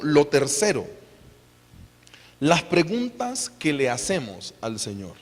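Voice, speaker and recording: A Colombian man in his thirties delivers a church sermon in a talky, animated manner and keeps putting questions to the people in front of him. His voice sits high and leaps up and down all over. A long reverb from the church hall trails after each phrase. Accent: Colombian Spanish. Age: 30s. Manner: animated, conversational, asks the listeners questions. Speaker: preacher.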